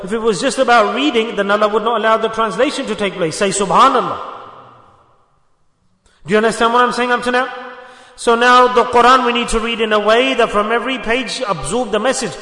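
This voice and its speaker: A man's voice: high-pitched, brisk, sharp tone. A man whose first language is Urdu, preaching a sermon and exhorting listeners with rhetorical questions and repetition. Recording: echoey hall with long reverb.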